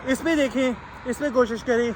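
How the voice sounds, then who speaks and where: A woman's voice: high voice, steady tone, noisy background. A woman tutoring exam candidates in a spoken advice lesson. She switches languages mid-sentence and keeps checking in with her listeners.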